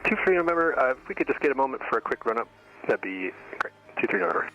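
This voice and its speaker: A man's voice: mid-range voice, big pitch swings, very fast, pushed and bright, muffled recording. A man speaking as a pilot over aviation radio in clipped readbacks. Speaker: flight simulator pilot on radio. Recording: radio transmission, music behind.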